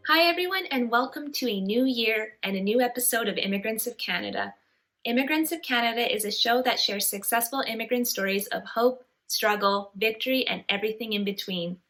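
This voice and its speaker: A woman's voice: fairly high pitch, brisk, bright, forceful tone, soft background music. A woman hosting an interview podcast, welcoming her guest and asking friendly, encouraging questions. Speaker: podcast host.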